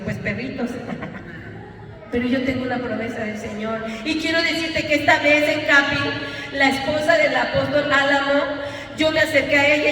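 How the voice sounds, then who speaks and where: Impassioned woman pastor in an echoey church. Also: high-pitched. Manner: impassioned preaching, rising to shouts. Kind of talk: sermon. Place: church hall. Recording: echoey church hall from far off, faint noise.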